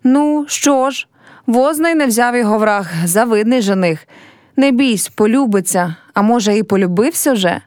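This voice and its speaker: A woman's voice: a little high, moderate pace, darkish tone, dry recording, studio quality, close to an everyday voice. A woman reading a play aloud and voicing a teasing, scheming young village man.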